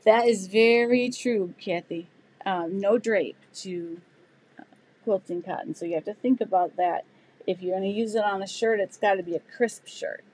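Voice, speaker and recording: A woman's voice: mid-range voice, moderate pace, a little mellow, slightly rough. Chatty woman hosting a sewing live stream. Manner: chatty, loose, many fillers and restarts. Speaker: sewing channel host. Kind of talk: live stream chat answering viewer comments.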